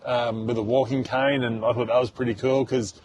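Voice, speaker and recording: A man's voice: medium pitch, flat delivery, a little fast, a little mellow, slight background noise. A man talking casually to camera as a travel vlogger, chatty and rambling with fillers and restarts, outdoors at tourist spots and later indoors. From Australia. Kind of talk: casual travel vlog chat.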